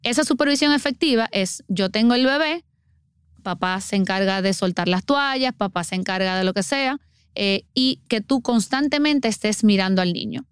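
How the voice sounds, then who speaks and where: A woman's voice: medium pitch, normal speed, clear, resonant tone, dry recording, clean studio sound. A middle-aged woman, earnestly explaining child water safety as a guest on a podcast. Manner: earnest, explanatory, acts out everyday scenes.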